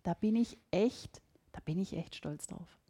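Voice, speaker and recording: Hosting a podcast, a middle-aged woman with a Swabian German accent talks in a casual, thoughtful way. Her voice sits fairly low, slightly rough and unhurried, with a lively, emphatic delivery.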